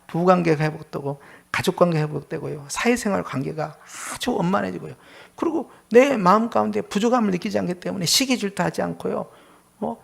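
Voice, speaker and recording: A male pastor preaching a prayer-meeting sermon, firing rhetorical questions at the congregation, prodding them with "eh?" and dropping to a hushed near-whisper on key words. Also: a little high, vocal fry, husky.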